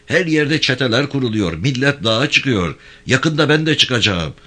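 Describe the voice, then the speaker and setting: A man voicing a male gendarme who talks quickly and urgently in a lowered voice. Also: expressive. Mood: urgent, hushed. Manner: hushed urgent talk. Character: secretly rebellious male gendarme, urgent and earnest.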